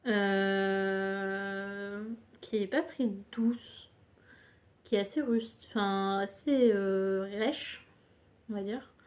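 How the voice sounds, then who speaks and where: A woman's voice: medium pitch, steady tone, very slow. A young woman casually presenting her knitting projects on camera, hesitant and full of fillers, chatty and self-mocking. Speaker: knitting podcaster.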